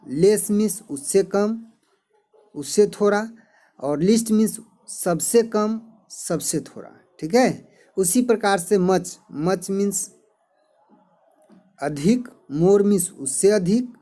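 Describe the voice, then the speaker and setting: Male teacher, middle-aged, slow drilling delivery with a dark mellow tone. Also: sits high. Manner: slow, repeats word forms like a drill. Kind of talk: explaining an English lesson in Hindi.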